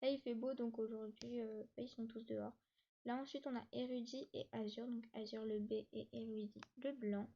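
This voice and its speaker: A woman giving a casual tour of her game world, talking quickly with lots of hesitations and restarts, sometimes short of breath. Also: a little high, little pitch movement, dark tone, dull audio. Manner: hesitant, many fillers and restarts; talks fast, says she struggles to catch her breath. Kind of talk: casual gameplay tour narration.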